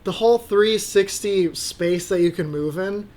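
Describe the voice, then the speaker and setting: A young man co-hosting a podcast in casual chat, relaxed, laughing often and trailing off mid-sentence. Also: high voice, unhurried. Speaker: podcast co-host.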